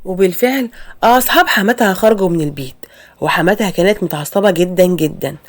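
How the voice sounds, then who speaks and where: Fast-talking Egyptian woman storyteller. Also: fairly low pitch. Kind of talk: animated story narration.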